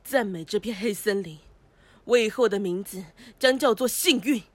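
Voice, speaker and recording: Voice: medium pitch, moderate pace, fairly bright tone, no echo, natural voice. A voice actor playing a gallant young prince, once a cursed frog, in a cartoon, speaking in a grand, poetic, courtly way. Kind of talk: cartoon voice acting.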